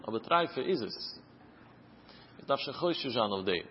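A man's voice: mid-range voice, very animated, unhurried, a little hiss or hum. A man with a Yiddish-inflected accent giving a Talmud lesson in a rising and falling study chant. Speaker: Torah teacher. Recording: muffled, echoey lo-fi hall recording.

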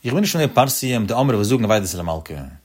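Guy w/ ish doing a talmud lesson, sing-song, talks fast. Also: fairly low pitch, big pitch swings. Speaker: Talmud teacher. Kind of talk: Talmud lecture.

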